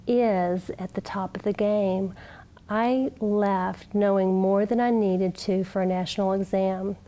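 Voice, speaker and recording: Slow, mellow-voiced woman graduate. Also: mid-range voice. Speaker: massage school graduate. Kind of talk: testimonial interview.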